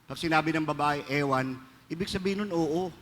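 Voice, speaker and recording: In a big, echoing church hall, a man gives a humorous storytelling sermon in Filipino and English with a Filipino accent. He talks quickly in a fairly high, fairly bright voice, over faint ambience and a little hiss or hum.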